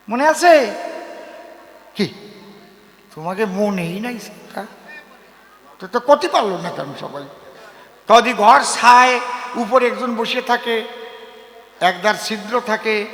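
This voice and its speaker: A man's voice: high voice, sharp tone, reverberant, big-room sound. A man with a rural East Bengali accent, a folk poet telling jokes on stage and asking the audience questions. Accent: East Bengali rural dialect. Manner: joking, storytelling, asks the audience questions. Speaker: folk poet and kabigaan singer. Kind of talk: humorous stage banter with audience.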